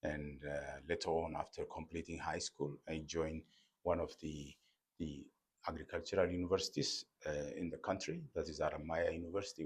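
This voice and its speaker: Man, from Ethiopia, middle-aged, very low pitch, husky, halting careful speech, research interview. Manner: careful, repeats words and pauses with fillers. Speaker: associate professor, embryo researcher. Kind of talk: explaining his research in an interview.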